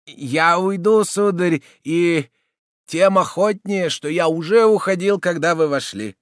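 A man reading as a scheming Jesuit in an audiobook, falsely humble and sly. His voice turns soft and slow as he whispers his asides. The sound is dry and close. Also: high-pitched, no room sound, pitched above the performer's own voice. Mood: smooth.

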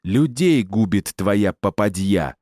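A man voicing a gruff, stern musketeer soldier who barks his orders with contempt. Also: fairly low pitch, animated, slow, a little mellow, no room sound, clean studio sound. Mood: contemptuous. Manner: barking, coarse, contemptuous.

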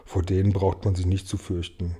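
A man's voice: sits low, level tone, normal speed, mellow, husky. A man voicing a cheeky, boastful centipede in a storybook, brash and mocking. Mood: scornful.

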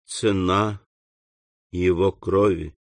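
A man reading the part of a sorrowful middle-aged mother who speaks softly and sighs. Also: low voice, steady tone, drawn-out words, gravelly, no echo, full character voice. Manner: soft, quiet, sighing.

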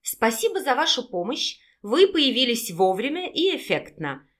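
A woman's voice: on the high side, very animated, normal speed. A woman voicing a feisty sarcastic young heroine. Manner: sarcastic, indignant, loud. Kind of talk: audiobook character voicing.

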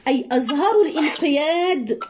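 A woman's voice: high-pitched, animated, fairly quick, background noise. A woman with an Egyptian Arabic accent teaching a religious lesson, explaining points and asking her listeners rhetorical questions. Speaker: Quran teacher. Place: room with women listeners. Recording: dull lo-fi lesson recording.

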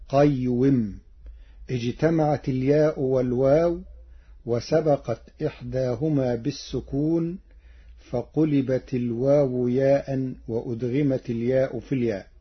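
Husky egyptian guy, super slow careful delivery, explaining quran readings, dull old radio sound. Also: mid-range voice. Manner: slow, measured, precise articulation. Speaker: Quran recitation scholar. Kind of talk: formal radio explanation of recitation variants. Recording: dull lo-fi archive radio broadcast.

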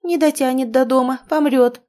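A woman's voice: fairly even intonation, normal speed, warm tone, lightly acted. A woman reading a storybook voices a scheming old woman who fakes kindness, sly and impatient. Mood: alarmed. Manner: sly, impatient, shrill when alarmed.

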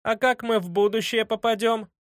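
A man's voice: sits high, fairly even intonation, moderate pace, no room sound, studio quality, voice pushed up, lightly acted. Man voicing a cheeky bluffing schoolboy. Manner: eager, pert, raised voice. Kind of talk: audiobook character voice.

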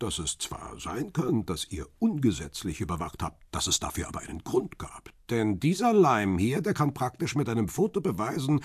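In a crime radio drama, an actor plays a wry, stubborn photographer who both narrates and speaks, dry and confrontational in manner. His male voice is husky and rough, fairly low in pitch with a darkish tone, and has no room sound.

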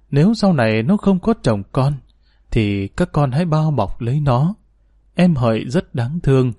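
A man voicing a remorseful father near sixty, reading his farewell letter gravely in a storybook narration. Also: medium pitch, mellow, no echo, clean studio sound.

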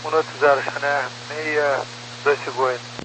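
A fairly high-voiced man speaks as a pilot over a crackly radio like a military channel. His readbacks are clipped and procedural, with clear static and hum around them. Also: little pitch movement, normal speed. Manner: terse, procedural phraseology. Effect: crackly aviation radio transmission.

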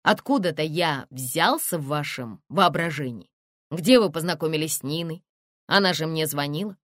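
A brusque, secretive middle-aged museum director, voiced by a woman reading the story, terse and mocking. His lines come in a lowish voice, recorded close and completely dry. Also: normal speed, fairly bright tone, no echo.

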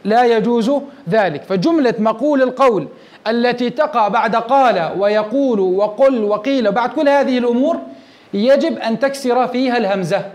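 A man's voice: extremely high pitch, moderate pace. A man, a sheikh, teaching a grammar lesson step by step, asking the class questions and then answering them himself. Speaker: Islamic scholar teaching Arabic grammar.

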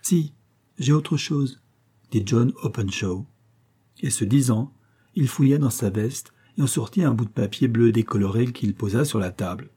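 A man narrating an audiobook in a measured, even way. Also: medium pitch, breathy edge. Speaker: audiobook reader. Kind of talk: scripted narration.

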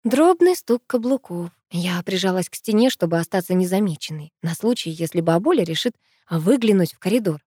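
Expressive woman reading a novel aloud. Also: lowish voice, a little fast, breathy edge, no echo, studio quality. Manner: expressive storytelling. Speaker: audiobook narrator. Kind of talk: first-person novel reading.

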